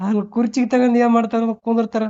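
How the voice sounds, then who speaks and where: Talking very fast in an extremely high, level voice, a man with a North Karnataka accent repeats his questions on the phone, scolding and needling in a bantering way. It's a noisy, band-limited call recording.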